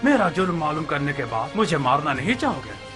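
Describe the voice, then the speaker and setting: A sneering noble suitor. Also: male voice, on the high side, big pitch swings, a little fast, music in the background. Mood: defiant. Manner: taunting, smooth and self-assured. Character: scheming young noble suitor, mocking and arrogant. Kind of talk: dubbed historical drama.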